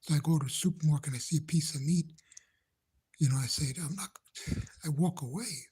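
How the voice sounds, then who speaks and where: A man livestreaming from a phone indoors at home, chatting gently with viewers in a hushed, halting whisper so no one in the house hears him. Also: on the high side, breathy edge. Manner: halting, rambling, gentle, nervous. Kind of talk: hushed casual live chat. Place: indoors in a house he shares, speaking quietly.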